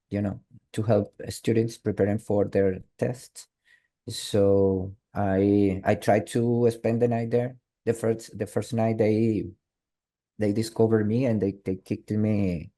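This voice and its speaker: A man with a Venezuelan Spanish accent, a guest telling his story in an online interview, halting and restarting often. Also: on the low side, dark tone. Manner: halting, with many restarts and fillers. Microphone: video call.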